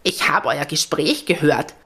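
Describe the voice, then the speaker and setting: A storyteller voicing a kind, helpful female crow in a children's audio story, speaking slowly and deliberately. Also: medium pitch, animated, bright, forceful tone, breathy edge, heavily acted.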